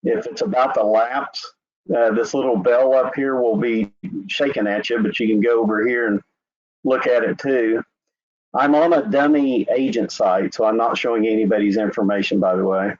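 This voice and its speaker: An insurance company representative with an Oklahoma accent leads a screen-share webinar walkthrough in a relaxed, rambling, conversational way, filling gaps with "uh" and "anyway." His middle-pitched voice moves at a normal speed, and the video-call audio sounds dull and lo-fi.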